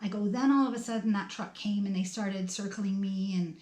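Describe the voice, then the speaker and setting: A middle-aged woman telling a personal story in a casual vlog, animated, laughing between lines and acting out her own thoughts. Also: mid-range voice, brisk. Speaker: storytime vlogger. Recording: roomy echo.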